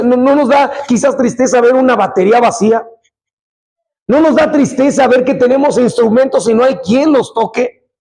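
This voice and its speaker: Guy preaching hard, repeats himself, breaks into shouts, raspy high voice. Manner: impassioned and exhorting, repeats phrases, bursts into shouts. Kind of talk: sermon.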